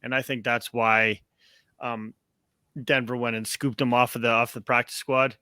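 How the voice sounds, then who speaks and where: A man's voice: mid-range voice, flat delivery, normal speed, pushed and bright, clean tone, no echo, clean studio sound. A young man hosting a casual sports podcast, upbeat and rambling with plenty of fillers. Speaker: podcast host.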